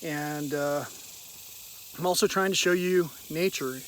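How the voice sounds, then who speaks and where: Higher-voiced man rambling outdoors over insect noise. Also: a bit bright. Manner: halting, meandering, with throat clearing. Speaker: outdoor vlogger. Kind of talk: rambling, reflective spoken vlog. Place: outdoors in a park by a river. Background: cicadas, birds, hiss and nearby traffic.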